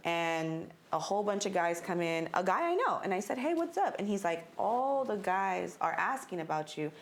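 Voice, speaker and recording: A woman's voice: medium pitch, sing-song, normal speed. A woman candidly telling a personal story in casual chat, swearing freely. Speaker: guest.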